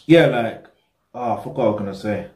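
A man's voice: mid-range voice, fast, a little mellow. Rambling young man, roomy echo. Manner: rambling, loses his train of thought, repeats "get me". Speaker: reaction video host. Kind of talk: casual commentary to camera. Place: small room indoors.

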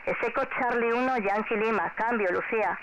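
This middle-aged woman has a Spanish accent from Spain and a slightly high voice at normal speed. Heard through a radio transceiver speaker on a noisy, muffled shortwave link, she chats warmly with a child in a casual two-way exchange, encouraging them and frequently saying things twice.

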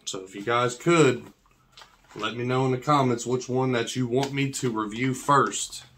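A man's voice: medium pitch, moderate pace, fairly bright tone. A man in his thirties with a whistling s, chatting casually and slangily as he presents an unboxing, often repeating himself. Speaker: coffee review vlogger. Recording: clear background noise and clicks.

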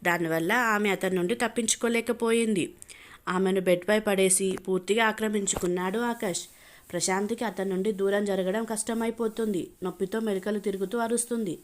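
A woman telling a dramatic story as a storybook narrator, reading in a steady way. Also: mid-range voice, a little fast.

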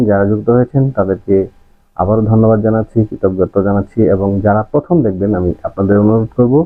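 A male primary school teacher, introducing a video lesson in a friendly way and checking in with viewers. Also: fairly low pitch. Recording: tinny phone-like lo-fi sound.

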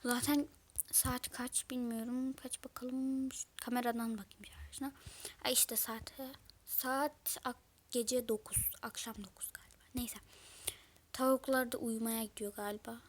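A woman's voice: on the high side, little pitch movement, measured pace, a little hiss or hum. A woman hosting a casual game role-play video, chatting in an exasperated way and often dropping to a whisper. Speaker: video host.

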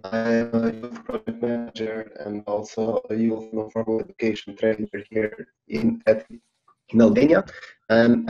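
A man giving a polite, measured introduction as a youth project manager and translator in an online meeting, his audio broken and metallic like a robot. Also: medium pitch, creaky, warm tone. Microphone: video call. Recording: muffled lo-fi video call audio.

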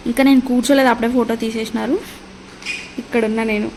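A woman's voice: fairly high pitch, fairly even intonation, fast talker, darkish tone, a little hiss or hum. A young adult woman chatting casually in a family vlog, reminiscing with playful asides. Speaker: family vlogger.

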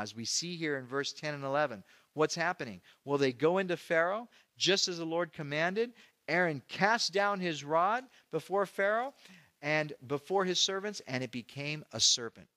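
A man's voice: on the high side, a bit bright, no room sound. A middle-aged male pastor teaching through a Bible passage verse by verse, in a conversational way that acts out the people he quotes. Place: church.

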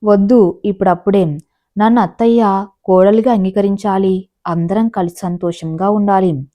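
Woman voicing young daughter-in-law, gentle, dutiful, patient, warm mellow tone. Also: mid-range voice, fairly even intonation, normal speed, close to an everyday voice.

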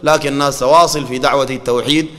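A man with a Sudanese Arabic accent giving a colloquial sermon, animated and mocking, often quoting scripture. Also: mid-range voice, very fast, big-room sound. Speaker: preacher.

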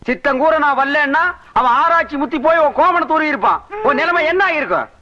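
A man's voice: very high-pitched, lively intonation, fast talker, pushed and bright, exaggerated voice. An actor with a Kongu Tamil accent playing a sarcastic village man who fires off mocking retorts in a film comedy. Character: sharp-tongued village man, mocking and bossy. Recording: dull lo-fi film soundtrack.

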